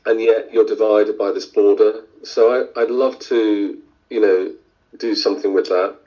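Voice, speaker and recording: Thoughtful low-voiced surgeon, dull audio. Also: male voice, level tone, normal speed, mellow. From India. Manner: thoughtful, many fillers and restarts. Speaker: surgeon guest. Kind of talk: interview answers.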